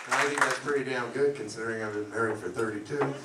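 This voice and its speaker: A middle-aged man doing a stand-up comedy set, delivering deadpan one-liners. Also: mid-range voice, fast, distant mic, a loud crowd. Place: comedy club lounge. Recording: echoey club, mic heard from afar, loud noise. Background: audience laughter.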